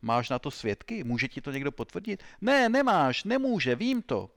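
A man voicing a zealous, self-important male police agent who shouts accusations in an interrogation. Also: medium pitch, lively intonation, gravelly, slight background noise. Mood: bullying.

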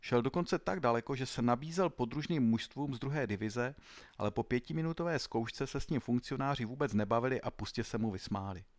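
A man reads a story aloud in a steady, clear way. His voice sits at a middle pitch, and the recording is dry and close. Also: no room sound. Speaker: narrator. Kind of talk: audiobook story narration. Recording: dry close studio sound.

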